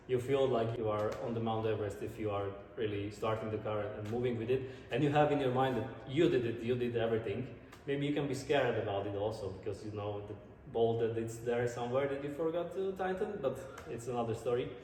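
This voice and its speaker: A man's voice: mid-range voice, a little mellow. Slovak-accented man in an echoey, reverberant space. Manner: earnest, slightly halting non-native English. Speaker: drifter and car-building vlogger. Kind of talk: casual vlog talk to camera. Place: large indoor garage. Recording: echoey garage, distant mic, background noise.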